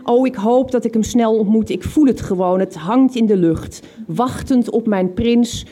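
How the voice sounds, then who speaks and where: A woman whose soft, mellow voice sits on the high side reads from the diary she kept as a teenager. She takes her time and sounds reflective, with amused little laughs slipping out at her younger self's words.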